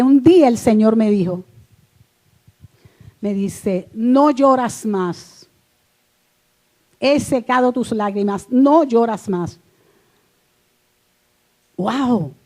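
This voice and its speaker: A woman's voice: on the high side, dark tone. A middle-aged woman giving a spoken religious testimony, earnest and emotional, often repeating her words. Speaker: church member giving testimony.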